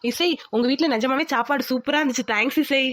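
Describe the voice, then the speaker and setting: A woman voicing a polite young schoolboy in a homemade cartoon, speaking softly. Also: high voice, fast talker, pitched below the performer's own voice, close to an everyday voice. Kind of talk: cartoon voice acting.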